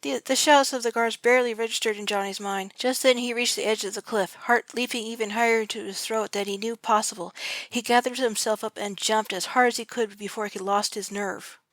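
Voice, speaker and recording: A woman's voice: on the high side, fairly even intonation, a little fast, a bit bright, dry recording. A woman reads her own adventure story aloud in a home-made audiobook style. She stumbles and restarts often. The recording is dry, with no room sound. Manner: reads with frequent slips and restarts. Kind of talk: amateur audiobook narration.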